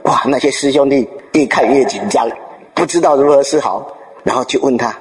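A man delivers a Buddhist dharma talk, recounting a Zen story with vivid storytelling and rhetorical questions aimed at his listeners. His voice sits in the mid range and moves at a fairly quick pace. The long reverb suggests a hall.

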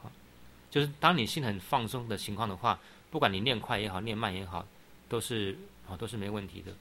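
A man's voice: lowish voice, brisk, sharp tone, a little hiss or hum. A middle-aged man giving a Buddhist dharma talk, patiently explaining and often saying "好" between points. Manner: frequent "好" interjections, patient explaining. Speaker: Buddhist teacher. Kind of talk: dharma talk answering questions.

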